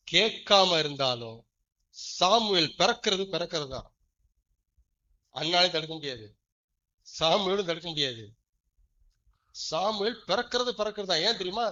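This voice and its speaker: A high-pitched man delivers a sermon, swinging between low, quick asides and loud, drawn-out emphatic phrases. He keeps putting questions to his listeners. The recording sounds dull and lo-fi. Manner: questions the congregation often. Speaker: preacher.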